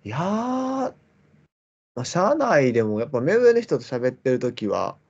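A man's voice: medium pitch, huge pitch swings, unhurried, creaky, darkish tone, breathy edge, lo-fi sound. A man in his twenties with a Kansai accent, an easygoing podcast co-host chatting casually. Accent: Kansai Japanese. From Kansai, Japan. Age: 20s. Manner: easygoing, frequent short affirmations. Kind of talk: casual chat.

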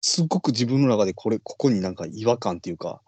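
A man's voice: lowish voice, lively intonation, fast, darkish tone, husky, no echo. A man with a Kansai accent, a podcast co-host chatting casually and rambling with many fillers. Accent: Kansai Japanese. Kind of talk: casual chat.

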